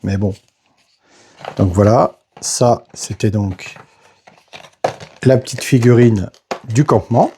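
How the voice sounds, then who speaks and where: A man casually narrating a board game unboxing, hesitant and halting, filling pauses with little interjections as he handles each piece. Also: on the low side, mellow, slight background noise. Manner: slow, hesitant, narrates each step with "voilà" and "hop".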